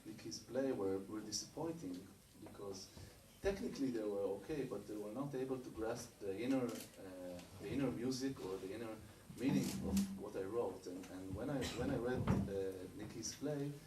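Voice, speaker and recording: Halting Israeli-born author at a distance. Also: male voice, lowish voice. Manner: halting, many restarts and fillers. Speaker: author of the adapted books. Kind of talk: post-show audience talk. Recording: echoey room from far off, noisy.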